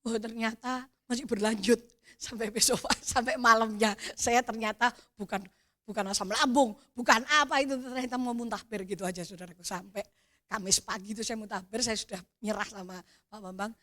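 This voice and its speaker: A middle-aged woman with a Javanese accent giving an animated sermon testimony, calling out to the congregation and swelling to near-shouts. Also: fairly high pitch, fairly quick. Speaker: preacher.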